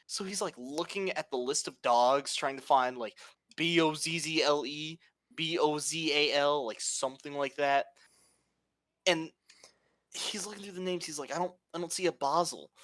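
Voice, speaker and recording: A man telling stories in casual podcast chat, animated and profane. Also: on the high side, moderate pace, no room sound, clean studio sound. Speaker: podcast co-host.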